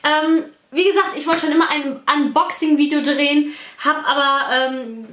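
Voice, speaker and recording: High-voiced gushing vlogger woman. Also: normal speed. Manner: gushing, excitable, squeals and laughs over gifts. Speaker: beauty vlogger. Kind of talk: casual unboxing vlog. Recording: echoey room, faint noise.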